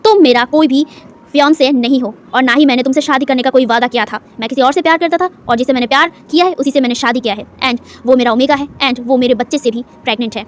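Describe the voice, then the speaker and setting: A woman's voice: sits high, fast, close to an everyday voice. A woman voicing a cold, stern young husband. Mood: cold, firm. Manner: cold, clipped, firm. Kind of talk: storytelling with acted dialogue.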